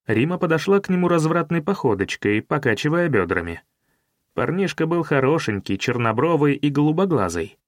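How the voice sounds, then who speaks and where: A man narrating a detective novel as an audiobook in a wry, measured storytelling manner. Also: fairly high pitch, very animated, dry recording, studio quality.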